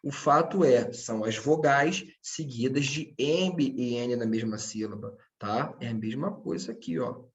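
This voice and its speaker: A man's voice: mid-range voice, unhurried, few pauses. A man teaching a grammar lesson, patient and checking in with his students often. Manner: speaks to his students directly.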